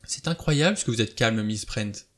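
A man's voice: medium pitch, normal speed, background noise, lightly acted. A man voicing a nervous, self-reproaching young woman in an audiobook reading. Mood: tense.

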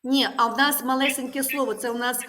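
A woman with a high-pitched voice leads a primary school lesson. She poses question after question and patiently confirms each answer by repeating it. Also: fairly even intonation, fast, bright, forceful tone. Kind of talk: classroom lesson. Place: classroom.

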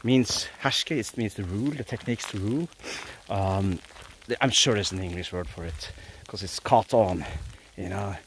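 A man's voice: on the low side, moderate pace, few pauses, a little hiss or hum, low-quality recording. Norwegian man talking earnestly outdoors. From Norway. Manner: earnest, emphatic, with frequent restarts. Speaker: vlogger. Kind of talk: casual philosophical monologue. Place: outdoors in a pine forest. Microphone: phone at arm's length.

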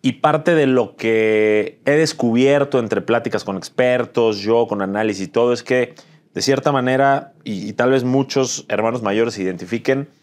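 A man in his thirties with a Mexican Spanish accent, an interview guest talking reflectively about his life and pausing to search for words. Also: mid-range voice. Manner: thoughtful, searching for words with fillers. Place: dim studio set with dark curtains.

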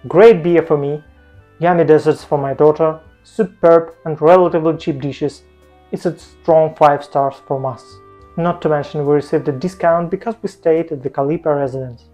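A man's voice: on the high side, mellow. Playful man vlogging with a lapel mic. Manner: playful, jokey asides. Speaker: travel vlogger. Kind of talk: scripted travel vlog narration. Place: home room, indoors.

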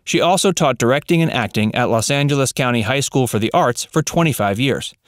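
A man narrating a scripted voice-over, reading facts in an even, read-out way. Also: medium pitch, fairly quick, dry recording, studio quality.

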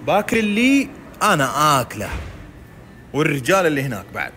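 A young man, bantering loudly and teasingly in a comedy skit, swearing oaths as he goes. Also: a little high, very animated, fairly quick, slight background noise.

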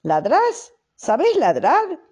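A woman's voice: sits high, slow, voice pushed up, full character voice. A woman with a Rioplatense accent voicing an eager, naive male dog in a storybook reading. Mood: amazed. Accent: Rioplatense Spanish. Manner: excited, wondering.

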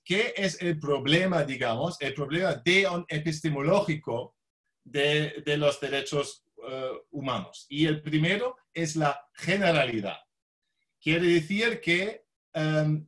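A man who is not a native Spanish speaker gives an academic talk with a foreign accent, halting and often searching for words. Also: a little high, a bit bright. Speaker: law professor, visiting lecturer.

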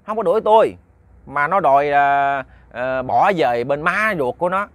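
A man voicing the sullen ghost of an old man, low and brooding. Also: expressive, normal speed, a bit bright, dry recording. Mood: insistent.

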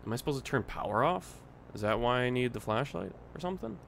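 A man's voice: medium pitch, animated, fast, vocal fry, slight background noise. A man casually commenting while playing a horror game, thinking aloud and puzzled at times. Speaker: gaming streamer. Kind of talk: casual let's-play commentary. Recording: game music playing loud behind.

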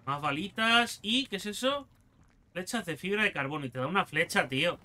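A man's voice: high voice, animated, moderate pace, pushed and bright, slight background noise. A man with a Spain Spanish accent giving crude, joking let's play commentary and taunting the enemies he fights. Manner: swearing, joking, talks to enemies. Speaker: gaming youtuber.

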